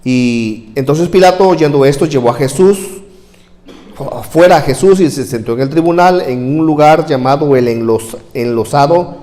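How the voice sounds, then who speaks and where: A man preaching a sermon in a church, reading scripture aloud and acting out the voices in the verses, shouting the crowd's lines and dropping to near whispers. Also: fairly high pitch, moderate pace. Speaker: pastor.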